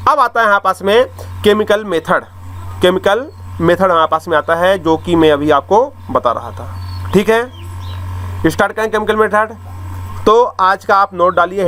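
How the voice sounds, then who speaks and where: A man teaching chemistry online in speech, repeating key terms and addressing students directly. His voice sits high and bright. A faint hiss runs under the recording. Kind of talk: online class lecture.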